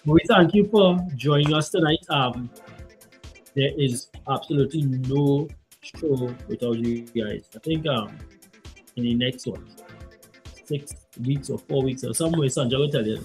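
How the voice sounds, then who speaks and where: A man's voice: mid-range voice, measured pace, faint music behind, low-quality recording. A man from Trinidad with a Trinidadian accent, co-hosting a casual relationship talk show in a rambling, easygoing way with lots of fillers. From Trinidad and Tobago. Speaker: co-host.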